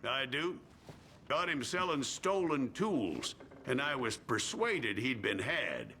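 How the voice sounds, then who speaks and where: A wry, folksy old-west lawman in a video game. His gravelly voice is bright and lively, rising and falling as he drawls. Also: medium pitch, slow pace, a little hiss or hum, full character voice. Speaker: lawman handing out bounties.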